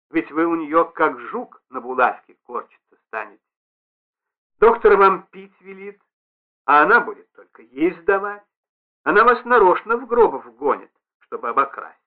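A man's voice: sits high, pitched above the performer's own voice. A man reading aloud and voicing a stout, fussy middle-aged concierge woman who talks in a wheedling, reproachful, effusive way. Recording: tinny band-limited radio broadcast.

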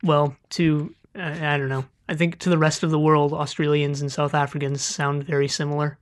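A man's voice: fairly high pitch, little pitch movement, normal speed. A young man with a Californian accent, co-hosting a podcast in casual chat, laughing often and hesitating with fillers. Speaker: podcast co-host.

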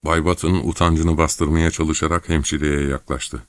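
A man reading a novel aloud as an audiobook narrator, steady and measured. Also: rumbling low, dry recording. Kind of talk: scripted narration.

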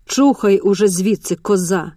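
A woman's voice: mid-range voice, moderate pace, mellow, no echo, studio quality, natural voice. A woman voicing a crude, menacing male guard in uniform who mocks and insults. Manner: rude, mocking.

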